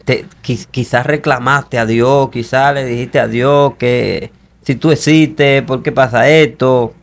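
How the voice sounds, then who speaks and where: Casting: host type, man, gravelly, mid-pitched, encouraging. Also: steady tone, slow pace. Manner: encouraging interjections, reflective questions. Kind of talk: interview chat.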